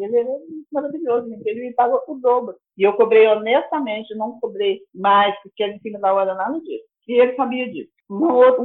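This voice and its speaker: Woman, Brazilian accent, podcast host, chatty storyteller, slightly high voice, thin phone-like audio. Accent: Brazilian Portuguese. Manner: chatty, exclamatory, addresses listeners as "gente". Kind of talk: casual storytelling monologue.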